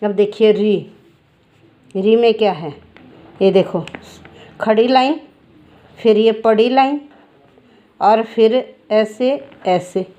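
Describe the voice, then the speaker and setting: A woman's voice: a little high, takes it slowly, pauses often, warm tone, highs cut off. A woman teaching handwriting, walking through each stroke and repeating them patiently. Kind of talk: handwriting lesson.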